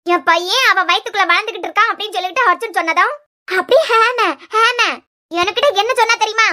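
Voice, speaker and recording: In a cartoon serial, a woman voices a scheming, spiteful young woman who sneers indignantly while gossiping, using a Kanyakumari Tamil accent. Her voice is very high-pitched, quick, bright and forceful.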